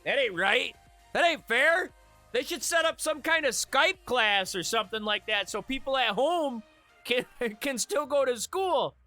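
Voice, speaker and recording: A man's voice: extremely high pitch, animated, measured pace, sharp tone, soft background music. A man from Michigan chatting casually with viewers on a live stream, joking and laughing at his own remarks.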